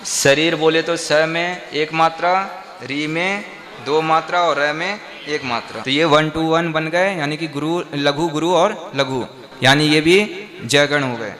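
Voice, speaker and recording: A monk leads a class in a bright, slightly high voice. He counts out syllables one by one, pausing often to quiz his listeners. His pace is slow and deliberate. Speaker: Jain monk teaching a class. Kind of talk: classroom lesson on verse meter.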